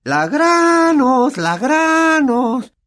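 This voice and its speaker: A man's voice: extremely high pitch, very animated, normal speed, pitched above the performer's own voice. A man with a Latin American Spanish accent voicing a small, spiteful male poltergeist who talks in a sly, mocking way. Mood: taunting.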